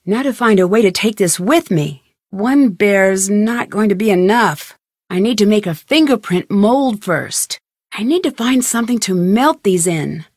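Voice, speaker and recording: These scripted video game lines feature a young woman detective, sharp and determined, puzzling things out aloud and questioning herself. Her voice is medium-pitched, and the recording is completely dry, without any room sound.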